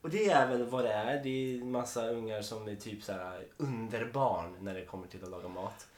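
Chatty podcast man in an echoey room. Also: on the low side. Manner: chatty, swears freely, laughs often. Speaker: podcast co-host. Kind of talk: casual chat.

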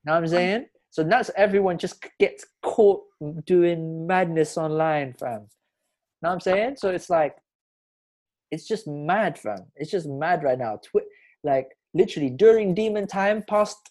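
A man's voice: on the high side, moderate pace, darkish tone. A young man with a London roadman accent, bantering casually and peppering his talk with street slang. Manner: slangy, peppers talk with bruv, fam and blood.

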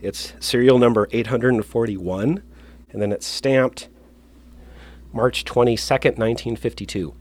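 This DJ and record collector walks through a hands-on demo in a relaxed, conversational manner. His mid-range voice is steady, unhurried and somewhat dark, with old records playing underneath.

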